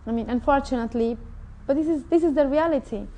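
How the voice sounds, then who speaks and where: Here a middle-aged woman from Mexico, with a Mexican Spanish accent, tells her own story earnestly and with feeling as an interview guest. Her voice sits high with a dark tone, and she talks fast. It's personal testimony, recorded on a lapel mic on an indoor TV studio set.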